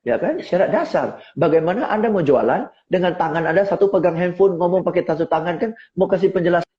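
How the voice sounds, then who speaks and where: A middle-aged man coaching on sales in a live online talk, lively and rhetorical, often asking listeners to agree. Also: high voice, quick pace, muffled recording. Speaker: seminar speaker and sales coach. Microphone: phone on a tripod.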